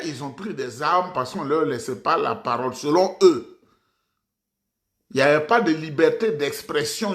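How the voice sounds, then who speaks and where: A man's voice: on the high side, fairly bright tone. A man delivers fiery political commentary in a slightly raised voice. He is declamatory and hammers his points home by repeating them. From Ivory Coast. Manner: declamatory, repeats phrases for emphasis, addresses audience formally.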